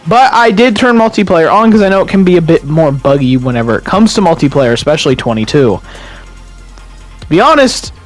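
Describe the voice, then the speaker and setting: A young man giving casual, rambling commentary over his own farming game footage, swearing freely and restarting his sentences. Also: high voice. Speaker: gaming YouTuber.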